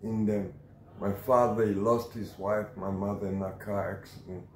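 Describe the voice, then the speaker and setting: Filmed at close range on a phone by a corrugated metal wall in an outdoor shelter, a South African man in his forties recounts his life with tough, emphatic conviction. His voice sits on the low side with a steady tone and moderate pace; the rough recording is reverberant with slight background noise.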